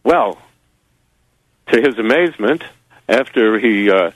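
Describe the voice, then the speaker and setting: On a radio interview in New Zealand, a magazine publisher rambles through halting answers packed with fillers and wry asides. His lowish voice is expressive, with no room sound, though the audio quality is poor.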